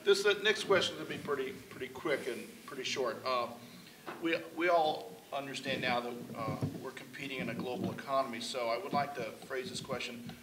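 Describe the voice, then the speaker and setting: A man moderating a panel in a brisk, lightly joking way. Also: medium pitch. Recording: distant, roomy, noisy room recording.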